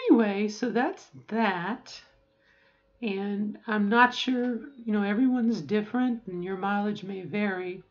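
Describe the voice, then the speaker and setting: Woman, 40s, casual vlog advice, self-correcting and rambling, mid pitch, slightly muffled recording. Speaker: vlogger.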